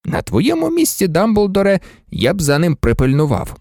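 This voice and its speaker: A man's voice: sits high, wildly swooping pitch, normal speed, creaky, darkish tone, dry recording, clean studio sound, voice pushed up, heavily acted. A man doing a blustering, flustered minister. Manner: blustering, grumbling. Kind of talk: audiobook character voice.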